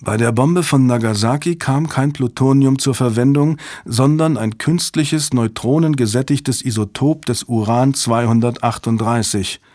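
A man reading a hurried female technician who reads data aloud, quick and eager. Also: medium pitch, a little mellow, no echo, natural voice. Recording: dry close studio sound.

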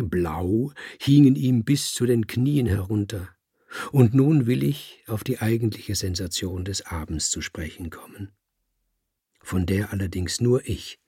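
A man reading a first-person novel aloud with wry, understated storytelling and a husky, gravelly voice. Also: on the low side, darkish tone, no room sound, studio quality. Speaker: audiobook reader. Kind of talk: first-person literary audiobook narration.

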